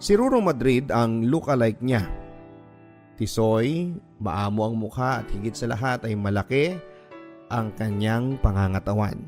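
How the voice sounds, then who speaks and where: This radio story host, a man with a Filipino accent, turns listener letters into dramatic first-person tales. His darkish, mid-range voice has lively intonation and a measured pace, and he pauses often. Music runs under his voice throughout.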